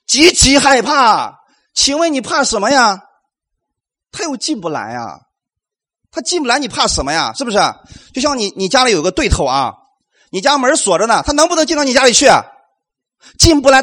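A man preaching a sermon in Mandarin, animated and full of rhetorical questions to the congregation. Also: high-pitched. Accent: Mandarin Chinese.

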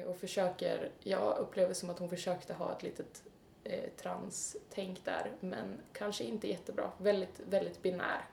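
Animated woman telling stories. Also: mid-range voice, gravelly, reverberant. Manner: animated, laughing, acts out quotes. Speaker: podcast co-host. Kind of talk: casual chat, storytelling.

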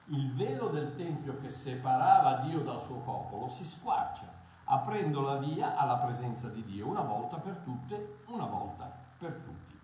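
A man preaching a Bible sermon, impassioned and emphatic, repeating key phrases and pausing on hesitant fillers. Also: mid-range voice, big pitch swings, a little mellow. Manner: impassioned, emphatic repetition, halting fillers and restarts. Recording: very echoey room, faint noise.

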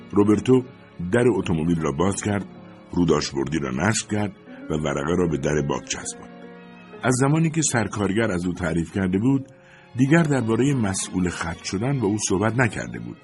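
A man reading a story aloud as narrator, with expressive storytelling. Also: low voice.

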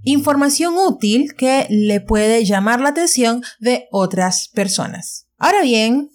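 A woman's voice: a little high, darkish tone. A woman hosting her own podcast, giving casual advice in a chatty way and correcting herself as she goes. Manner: chatty, restarts and self-corrections. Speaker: podcast host.

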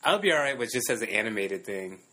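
A man's voice: fairly low pitch, animated, fast talker, pushed and bright. A man talking casually about movies in a laid-back, hesitant way. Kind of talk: casual chat.

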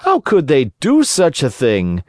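A man's voice: fairly high pitch, huge pitch swings, measured pace, no room sound, studio quality, voice pushed up. A man voicing a sly, falsely polite male innkeeper. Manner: mock courteous.

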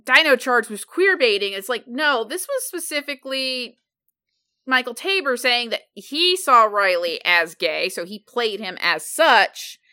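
Bright-voiced woman chatting frankly. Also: fairly high pitch, animated, unhurried. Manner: frank, stammers on restarts. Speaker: podcast co-host. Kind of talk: casual chat.

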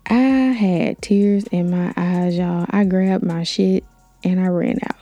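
A young woman hosting a podcast, telling a personal story in a candid, animated way, with slang. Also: fairly low pitch, slow pace, no room sound, faint music behind. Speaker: podcast host. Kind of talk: story time.

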